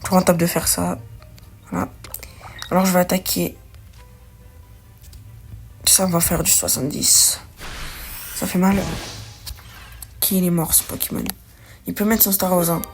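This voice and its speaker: Speaking on the low side with little pitch movement, this young woman talks a little slowly and leaves long pauses. A gaming video creator, she plays a card game while chatting casually in slang, thinking aloud and self-correcting, with faint music in the background.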